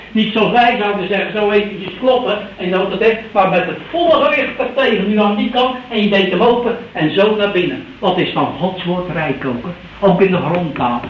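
High-voiced preacher in an echoey church. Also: male voice, a little hiss or hum. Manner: earnest, pleading, with many rhetorical questions and tag words. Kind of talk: sermon. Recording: echoey church recording from a distance, dull sound.

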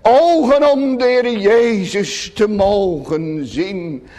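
A man preaching a sermon to his congregation, solemn and emphatic, often dropping to hushed tones. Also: high-pitched, slow. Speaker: pastor. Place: church. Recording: long church reverb.

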